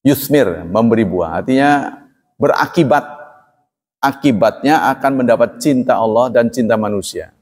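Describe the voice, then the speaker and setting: A man's voice: medium pitch, moderate pace, husky. A man preaching a religious lecture to a congregation, speaking plainly and evenly, often asking listeners to agree. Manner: plain, even delivery, calls himself flat-spoken. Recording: long reverb in a hall.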